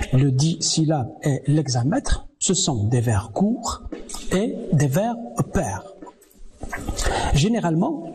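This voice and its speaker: Slow, lively-pitched male lecturer. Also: slight background noise. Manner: slow, deliberate, counting syllables aloud. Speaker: university lecturer. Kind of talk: televised distance-learning lecture.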